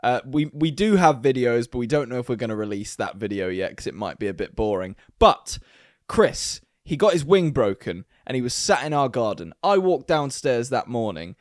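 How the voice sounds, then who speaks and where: A young man co-hosts a casual podcast chat and tells his stories with animated energy. His voice sits in a middle register. The sound is close and dry. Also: mid-range voice, moderate pace, hardly any pauses, no room sound. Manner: animated storytelling, laughing while telling. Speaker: podcast co-host.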